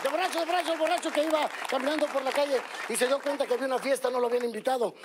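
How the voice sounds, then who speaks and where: A woman with a Mexican accent telling dirty jokes, laughing often and acting out the characters in shrill voices. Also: rapid-fire, a loud crowd. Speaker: joke teller. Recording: faint background noise.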